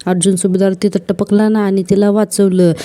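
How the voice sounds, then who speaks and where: A woman's voice: medium pitch, flat delivery, a little fast, mellow, close to an everyday voice. A woman reading a scheming fugitive villain.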